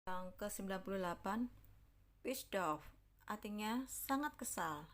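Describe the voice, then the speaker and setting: A woman teaching a language lesson on English slang, reading each example sentence slowly and carefully, then translating it. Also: medium pitch, expressive.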